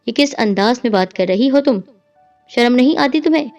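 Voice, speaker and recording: A woman's voice: fairly high pitch, lively intonation, darkish tone. A woman voicing an angry, domineering young husband who talks with scorn and a raised voice, over faint music. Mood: scornful.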